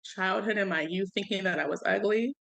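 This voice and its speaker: A young woman co-hosting a podcast, talking candidly in relaxed slangy chat and laughing often. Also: mid-range voice, a little fast, vocal fry, low-quality recording. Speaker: podcast co-host. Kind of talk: casual chat.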